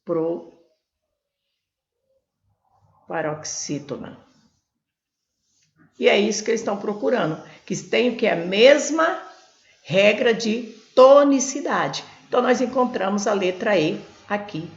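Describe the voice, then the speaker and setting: A woman tutoring for Portuguese exams, going through questions slowly and repeating each syllable type for her students. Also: on the high side, expressive, creaky. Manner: repetitive, spells out syllables, addresses students as gente. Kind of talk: explaining exam questions. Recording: echoey room, dull lo-fi sound.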